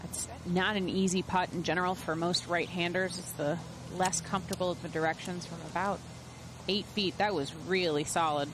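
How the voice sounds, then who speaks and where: A woman's voice: fairly low pitch, steady tone, moderate pace. A woman commentating live on golf as an analyst, explaining shots and technique. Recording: loud outdoor noise behind voice. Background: loud outdoor noise.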